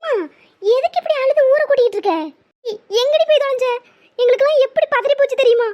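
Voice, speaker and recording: A woman voicing a worried village mother in a cartoon, shrill and scolding. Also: fast talker. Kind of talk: cartoon voice acting. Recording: slightly muffled lo-fi audio.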